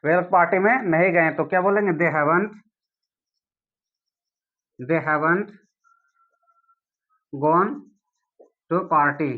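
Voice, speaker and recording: High-voiced man teaching English. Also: narrow, tinny audio. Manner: repeats questions to the viewer, slow English examples. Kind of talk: spoken English lesson.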